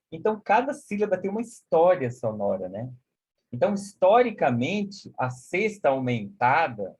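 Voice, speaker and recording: A man's voice: a little high, darkish tone, slightly rough. A man giving a live online music lesson, explaining concepts with many "né?" and singing solfège syllables. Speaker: music teacher. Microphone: video call.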